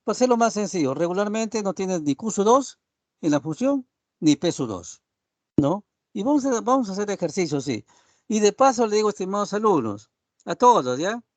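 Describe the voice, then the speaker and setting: A man's voice: high voice, big pitch swings, normal speed, no room sound. A male professor giving an online class on a video call, rambling and leaning on tag questions as he addresses his students. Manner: addresses students as "estimados alumnos". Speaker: university professor.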